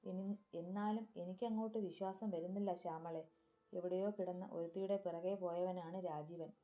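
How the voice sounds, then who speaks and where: A woman's voice: lowish voice, steady tone, normal speed, mellow, natural voice. A woman voicing a stern middle-aged father who distrusts his son-in-law. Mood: grim. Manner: grim, distrustful.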